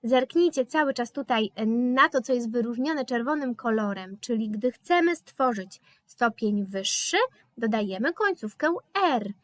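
Casting note: high-voiced woman with a Polish accent, patient German teacher, unhurried delivery. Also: lively intonation, no room sound, studio quality. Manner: slow, patient explaining with hesitation fillers. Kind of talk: live online language lesson.

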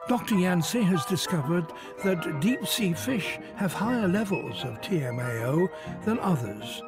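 A man narrates a nature documentary in a slightly high voice. His delivery is scripted and lively in its intonation, with clear music playing behind him. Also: measured pace. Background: background music.

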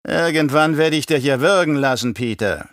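Man doing a menacing audiobook baron: higher, louder, growling and icy, dry recording. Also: animated, moderate pace, no room sound. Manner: cold, growling, commanding. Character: scheming, menacing middle-aged male baron.

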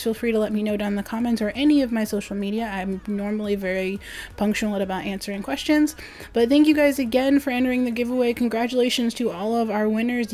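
A woman's voice: a little high, warm tone. A woman hosting a gaming channel, making a hyped, gushing, informal giveaway announcement to her viewers.

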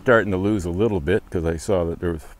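A man's voice: deep voice, fast talker, slight background noise. A man in his sixties talking casually to himself as he films a walking vlog outdoors. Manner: musing aloud to himself while walking. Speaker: vlogger testing camera gear. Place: outdoors on a wooded trail and roadside path. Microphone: wireless lapel mic and camera mic.

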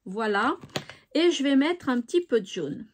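A woman's voice: high voice, sing-song, moderate pace, slight background noise. A woman hosting a craft tutorial, chatting casually and thinking aloud with fillers. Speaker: craft channel host.

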